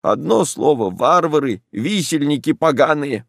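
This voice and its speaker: Man playing a shrill old village woman from a storybook, mumbling and grumbling, dry close sound. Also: lively intonation, a little slow, gravelly, a bit bright, no echo, exaggerated voice. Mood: lamenting. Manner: mumbling, lamenting and scolding. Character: old peasant woman, grumbling, hard of hearing. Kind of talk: audiobook narration.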